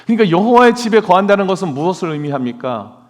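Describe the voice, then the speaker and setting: A man's voice: high-pitched, sing-song, fast. A male pastor preaching a sermon in a church, earnestly asking his congregation questions. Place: church sanctuary. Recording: long church hall reverb.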